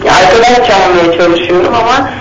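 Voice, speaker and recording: A woman's voice: mid-range voice, a little fast. A woman from Istanbul calling in to a radio advice show over a landline phone, talking hesitantly with many filler sounds. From Istanbul, Turkey. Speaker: caller. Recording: muffled, echoey, noisy phone line.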